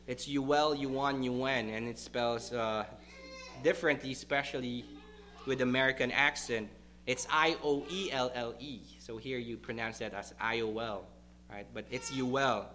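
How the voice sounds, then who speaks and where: Slow emphatic preaching man. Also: medium pitch, bright, forceful tone. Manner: emphatic, deliberate preaching with stressed repeated words. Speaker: pastor. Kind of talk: sermon.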